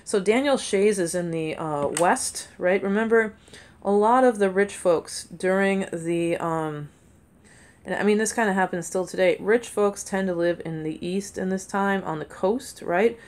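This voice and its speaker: A woman's voice: medium pitch, unhurried, a little mellow. A woman giving a conversational history lecture as a teacher, often checking in with "right?" and "you know".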